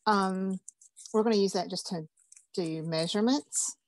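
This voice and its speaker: A woman's voice: mid-range voice, a little slow, no room sound. A woman, teaching a craft class in a chatty, upbeat, folksy way. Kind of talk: casual craft class instruction.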